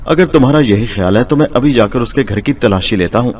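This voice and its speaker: A man's voice: medium pitch, lively intonation, fairly quick, a little mellow, distant mic, a little hiss or hum, close to an everyday voice. A man voicing a strong, blunt village blacksmith in a storybook tale, with a raised, pushy delivery. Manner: blunt, demanding.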